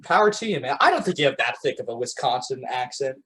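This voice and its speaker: A man's voice: mid-range voice, lively intonation, fast, pushed and bright, low-quality recording. A man hosting a podcast in a casual, laid-back chat, saying "yeah, man". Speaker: podcast host.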